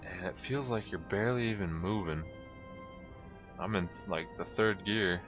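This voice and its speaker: A man's voice: low-pitched, normal speed, lo-fi sound, music in the background. A man giving casual gameplay commentary, talking to himself and exclaiming as he plays. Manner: excitable, exclaiming, talks to himself. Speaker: video game player commentator.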